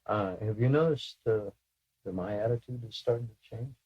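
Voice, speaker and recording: A man's voice: lowish voice, moderate pace, breathy edge, lo-fi sound. A man in his sixties, a sitter in a channeling session, self-deprecating and stammering, often chuckling. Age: 60s. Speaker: sitter asking questions. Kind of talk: channeling session, casual chat.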